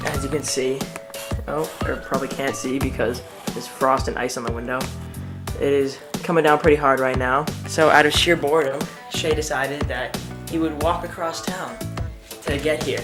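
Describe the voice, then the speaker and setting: A man's voice: medium pitch, echoey room. A young man chatting to camera from inside his home, upbeat and amused. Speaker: vlogger host. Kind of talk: casual chat to camera. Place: indoors at home by a window. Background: background music.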